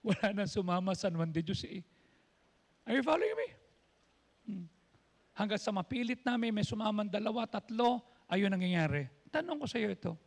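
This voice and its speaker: A pastor with a high, sing-song voice preaches a sermon in church at a normal speed, leaving long pauses. He tells stories, quoting people in voices as he acts out what they said, and slips English phrases into his talk.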